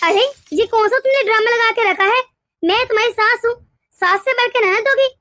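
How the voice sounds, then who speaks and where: A shrill, scolding cartoon mother-in-law, voiced by a woman, quick to take offence and pity herself. Her voice sits very high, and the sound is close and dry with no room around it. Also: sharp tone, no echo. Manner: shrill complaining taunts. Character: scolding middle-aged mother-in-law, short-tempered and self-pitying. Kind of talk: animated cartoon dialogue.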